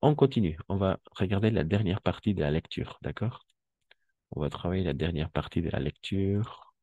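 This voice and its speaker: A man's voice: deep voice, normal speed, mellow, dry recording, dull audio. A man teaching a French lesson, patiently explaining and switching between French and Spanish. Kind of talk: online language lesson.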